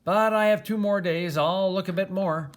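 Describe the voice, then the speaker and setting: A man's voice: sits high, normal speed, pitched above the performer's own voice, close to an everyday voice. Older man playing a smart bookish prince, storybook, musing aloud, emphatic. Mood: intrigued.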